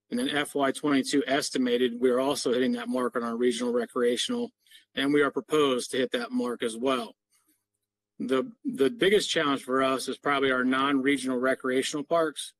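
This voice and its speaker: A middle-aged parks maintenance official gives a businesslike, explanatory slide presentation to a board meeting over a video call. His voice is medium-pitched, and the recording is rough.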